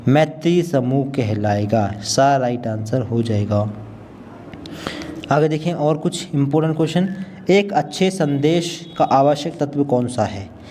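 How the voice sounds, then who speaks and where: Guy reading out mcq answers one by one, mellowish voice, light hum in the back. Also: mid-range voice. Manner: steady, matter-of-fact, repeats the right option. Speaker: teacher. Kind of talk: reading exam questions and answers.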